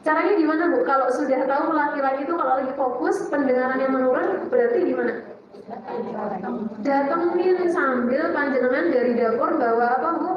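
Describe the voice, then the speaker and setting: A woman giving a religious study talk to women, Indonesian with a Javanese tinge, lively and playful, asking questions and answering them herself. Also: high-pitched, brisk, background noise. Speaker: Islamic teacher and psychologist. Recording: echoey hall, distant dull mic.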